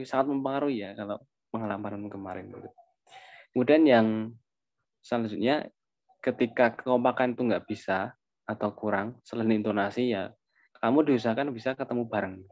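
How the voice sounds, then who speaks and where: A young man answering questions in a webinar, speaking in a relaxed, informal way with plenty of fillers and asides. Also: medium pitch, no echo, lo-fi sound. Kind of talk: casual Q&A mentoring.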